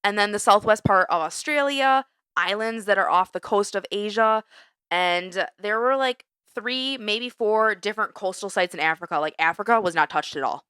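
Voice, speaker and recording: Bright-voiced exasperated woman podcaster. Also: medium pitch, moderate pace, smooth, no room sound. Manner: animated, exasperated, swears freely. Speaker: podcast co-host. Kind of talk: casual chat.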